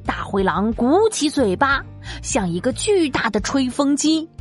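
A woman's voice: high voice, very animated, a little slow, faint music behind. A woman narrating a scripted story for children.

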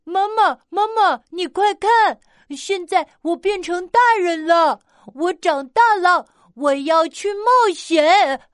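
A high, childlike bear cub, voiced by a woman in a storybook, impatient and whiny with longing to grow up. The delivery is slow and drawn out, in a dry, close sound. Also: no echo. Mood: excited.

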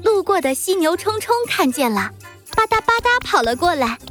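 A woman's voice: very high-pitched, big pitch swings, moderate pace, a bit bright. A woman narrating a children's story as the storyteller. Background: music.

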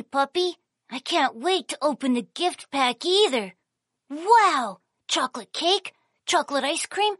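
A woman's voice: high voice, a bit bright, no room sound, studio quality, full character voice. A woman voicing a cheerful young panda who hosts a children's science cartoon, with a sing-song, childlike manner. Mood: delighted. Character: cheerful young panda host named Kiki. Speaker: host.

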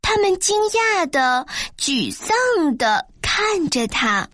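A woman narrating a children's storybook with a clear, expressive reading. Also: high voice, slow, dry recording, studio quality.

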